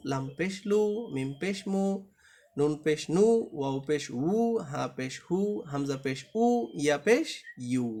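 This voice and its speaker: A man teaching a Quran reading class online, patiently drilling letter sounds and asking the class to check understanding. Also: on the high side.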